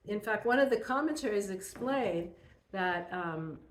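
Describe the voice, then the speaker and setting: A woman gives a Torah class to a small group, telling stories with earnest energy. Her mid-pitched voice echoes through a roomy space. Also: measured pace. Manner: earnest, animated storytelling to a group. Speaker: Torah teacher. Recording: roomy echo.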